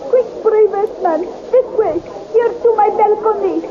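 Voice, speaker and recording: Imperious Princess Aura. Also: female voice, very high-pitched, a little slow, crowd noise. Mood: urgent. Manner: urgent, imperious. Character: alien princess, bold and commanding. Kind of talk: 1930s radio drama acting. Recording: dull hissy old radio recording.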